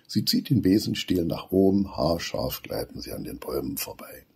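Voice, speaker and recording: Deep husky man reading a children's story. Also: moderate pace. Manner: expressive, animated reading. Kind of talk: children's story read aloud.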